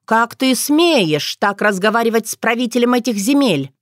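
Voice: mid-range voice, animated, normal speed, fairly bright tone, no room sound, clean studio sound, voice pushed up, natural voice. A reader voicing a proud young woman witch who gives orders imperiously. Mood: commanding. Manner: imperious, demanding.

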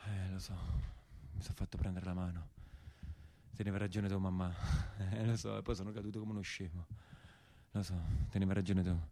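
In a theatrical monologue, an actor plays an embittered peasant brigand in prison, speaking emphatic, repetitive dialect with a southern Italian accent. His deep male voice is mellow, brisk and flat, sounding faint and dazed, with no room sound.

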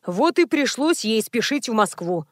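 Flustered adult son pleading with his mother, read by a woman narrator in her own high voice; dry close audiobook sound. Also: very animated, normal speed, no echo. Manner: awkward, pleading.

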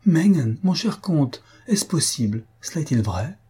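Homme imitant une comtesse émue. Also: male voice, fairly high pitch, sing-song, unhurried, dark tone, slightly rough, pitched above the performer's own voice, full character voice. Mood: fervent. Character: grieving, warm-hearted young countess.

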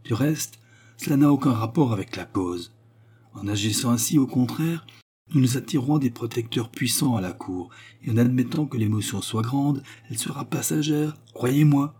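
A man voicing a domineering male conspiracy chief who talks gruffly and sneers, in an audiobook reading. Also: medium pitch, animated, moderate pace, mellow, pitched above the performer's own voice. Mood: commanding.

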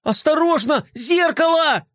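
A man voicing an anxious, superstitious young boy in a storybook reading, fretful and quick to panic. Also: sits high, dry recording, clean studio sound, pitched above the performer's own voice.

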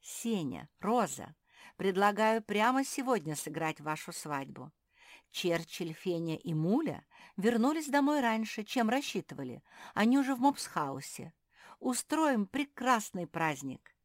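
A woman voicing a calm, wise female dog in a children's audiobook, brisk and composed. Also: medium pitch, dry recording, clean studio sound.

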